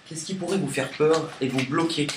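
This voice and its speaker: A man's voice: on the high side, moderate pace, heavy background noise. Playful man giving a tarot reading. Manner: lively, reads card texts aloud with playful emphasis. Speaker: tarot card reader. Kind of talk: casual tarot reading to camera. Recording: echoey room with faint ambience.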